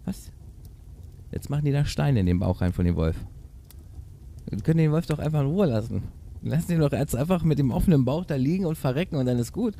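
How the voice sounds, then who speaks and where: A man's voice: a little high, fairly quick, creaky, pauses often. A man with a German accent reading a fairy tale aloud, breaking off for sarcastic, mocking commentary. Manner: sarcastic, mocking asides, lively intonation. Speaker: reader. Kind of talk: casual read-aloud with joking commentary.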